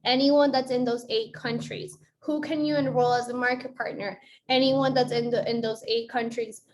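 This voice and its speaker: A woman's voice: a little high, fairly even intonation, normal speed, a little hiss or hum. A young woman from Colombia presenting a business onboarding, explaining step by step and checking in with her listeners. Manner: upbeat, checks in with "okay?".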